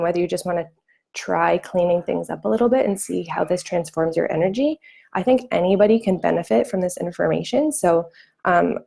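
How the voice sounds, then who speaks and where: A young woman talks to viewers on a live stream in a loose, chatty way, leaning on fillers. Her voice is gravelly and quite dark, sitting a little low. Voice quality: gravelly morning voice. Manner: chatty, many fillers and restarts. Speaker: wellness coach hosting a live training.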